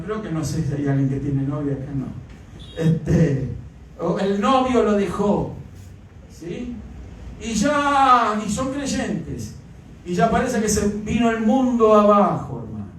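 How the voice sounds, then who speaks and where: A man's voice: high-pitched, slight background noise. A male pastor preaching a sermon, pressing each point hard and punctuating it with amens. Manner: emphatic preaching with repeated amens. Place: church. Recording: echoey church hall, mic far off.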